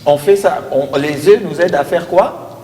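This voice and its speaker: A man from Congo leading a lesson with children, coaxing them and repeating prompts loudly. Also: a little high, moderate pace. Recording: echoey hall from far off.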